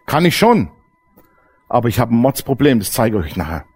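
A man preaching a sermon, blunt and earthy, swinging between loud emphatic outbursts and hushed low passages. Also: sing-song, brisk, slightly rough. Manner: blunt, earthy everyday language. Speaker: pastor.

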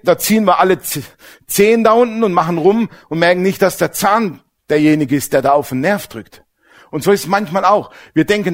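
A middle-aged male preacher delivers a sermon in a relaxed, everyday way. His voice sits a little high for a man, and he keeps turning to his listeners with rhetorical questions.

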